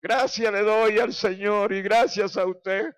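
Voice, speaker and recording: A man's voice: high voice, fairly even intonation, slow, clear, resonant tone. A man in his sixties from Venezuela, a pastor giving a fervent, emotional personal testimony full of praise exclamations. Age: 60s.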